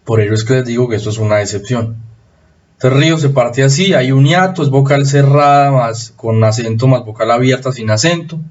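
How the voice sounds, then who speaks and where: A man giving a recorded spelling lesson, explaining rules slowly and repeating them for emphasis. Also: medium pitch, darkish tone, highs cut off. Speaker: spelling teacher.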